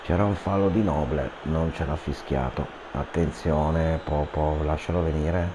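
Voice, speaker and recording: Deep-voiced man doing excitable football commentary. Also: measured pace. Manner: rising excited goal-attack commentary, repeating player names. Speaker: video game player commentating his own match. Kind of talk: amateur football match commentary in casual asides. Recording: clearly noisy home recording.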